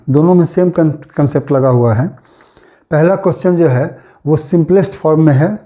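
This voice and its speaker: In a classroom explanation, a man with a mellow, higher-leaning voice teaches maths. He works through a problem step by step with patience, repeats the key points, and mixes technical terms into his speech.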